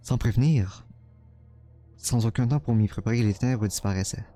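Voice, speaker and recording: A man's voice: mid-range voice, moderate pace, warm tone, faint music behind, close to an everyday voice. A man reading a game's first-person narration as a tormented young man, dramatic and stumbling over words now and then. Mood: anguished.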